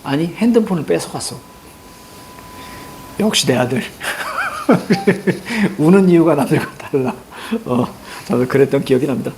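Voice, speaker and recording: A middle-aged male teacher giving a lecture on classical poetry, chatty and quick to tell stories. His voice sits a bit higher than most men's. A faint hiss of background noise runs under the recording. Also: animated. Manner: chatty, tells stories and acts out quotes with a raised voice.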